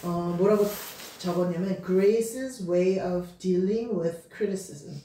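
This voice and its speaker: A woman's voice: lowish voice, drawn-out words, dark tone. Middle-aged woman minister telling her testimony, drops english words in, laughs a lot, sounds far from the mic in a big echoey room. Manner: mixes English words into Korean, laughs often. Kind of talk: personal faith testimony in conversation. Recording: roomy echo, voice picked up from a distance.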